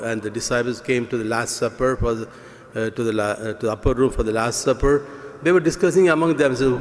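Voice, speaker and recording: Older priest preaching in a reverberant church. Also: male voice, mid-range voice, darkish tone. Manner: gesturing, earnest, many fillers and restarts. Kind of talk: homily at Mass. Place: church sanctuary, indoors. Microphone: stand mic at lectern.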